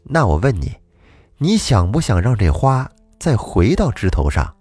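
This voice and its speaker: A kind young fairy maiden in her twenties , put on by a male storyteller, speaks lightly and teasingly in a lifted voice. Her pitch moves brightly up and down, heard close and dry over faint music. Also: sing-song, moderate pace, husky, dry recording. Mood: playful.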